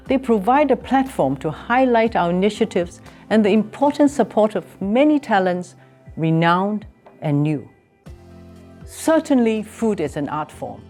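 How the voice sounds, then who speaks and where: A woman giving measured, formal scripted narration for a documentary. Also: medium pitch, darkish tone.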